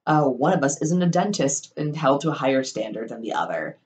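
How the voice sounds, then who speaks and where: Sing-song and a touch mellow, her bass voice runs a little fast as a young woman rambles through a story for her casual vlog. She fills it with ums and likes and swears freely, with wry humor.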